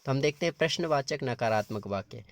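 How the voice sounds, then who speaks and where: A man's voice: medium pitch, expressive, fast talker, no echo. Guy patiently walking through grammar rules, plain mid voice, dry close mic. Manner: patient, step-by-step explaining in Hindi. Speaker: English teacher. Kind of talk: explaining grammar at a board.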